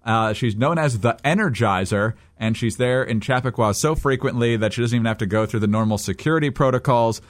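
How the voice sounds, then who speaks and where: A man hosting a radio news show, delivering items in a dry, deadpan way. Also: medium pitch, brisk, few pauses. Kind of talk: casual news discussion.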